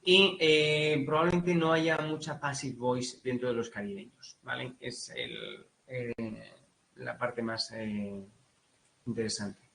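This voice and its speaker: Spanish-accented male tutor, informal lecture, lots of fillers, average pitch. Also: expressive, slow, gravelly, fairly bright tone, slight background noise, poor audio. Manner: casual, many fillers, mimics English accents. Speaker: teacher.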